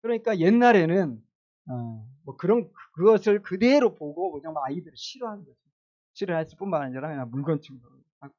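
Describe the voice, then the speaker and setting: A man's voice: on the high side, lively intonation, fairly quick, a little mellow, muffled recording. A male pastor preaching a sermon in a casual, conversational way, asking the congregation questions and chuckling now and then.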